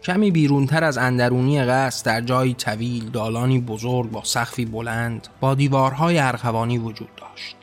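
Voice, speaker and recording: A man narrating a novel as its author, in measured, scripted storytelling. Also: mid-range voice, fairly even intonation, faint music behind.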